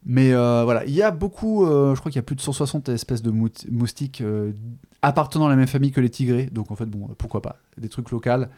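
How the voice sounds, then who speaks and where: A man hosting a podcast, chatting casually about a book, pausing often with fillers and restarting his sentences. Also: mid-range voice, mellow. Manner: hesitant, many fillers and restarts, chatty asides. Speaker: podcast host. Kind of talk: casual literary chat.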